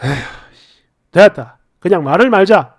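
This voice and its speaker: A woman's voice: fairly high pitch, sing-song, normal speed, no echo, clean studio sound. A woman voicing an irritated young husband who talks bluntly and coldly. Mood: gruff. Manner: gruff, scolding, sighing.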